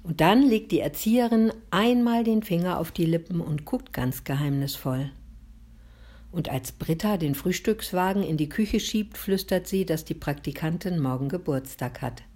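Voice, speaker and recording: A woman reads a children's storybook aloud in a calm, gently expressive manner. Her voice is notably low for a woman. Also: normal speed. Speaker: narrator. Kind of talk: storybook reading.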